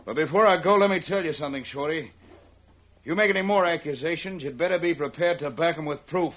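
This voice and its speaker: An actor playing a shifty, smooth-talking rancher villain who blusters and evades in an old western radio drama. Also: male voice, fairly high pitch, fast, natural voice. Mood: indignant bluster. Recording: muffled old radio recording, faint noise.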